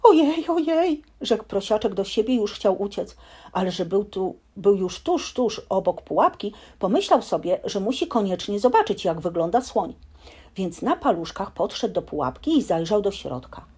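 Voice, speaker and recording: A woman reading a bedtime story aloud in a lively, expressive storytelling manner. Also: medium pitch, normal speed, slightly rough.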